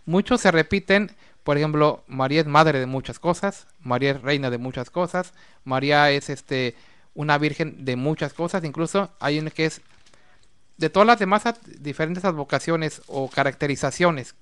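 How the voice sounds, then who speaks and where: Smooth-voiced man explaining at length. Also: mid-range voice, a bit bright. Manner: explanatory, repetitive listing, rhetorical questions. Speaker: co-host of a religious discussion program. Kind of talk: casual religious discussion.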